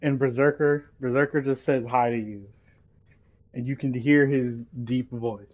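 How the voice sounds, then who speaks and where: A man's voice: medium pitch, fairly even intonation, measured pace. A man narrating a casual role-play story, rambling with many fillers, on a dull lo-fi recording. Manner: rambling, full of fillers like "like" and "you know".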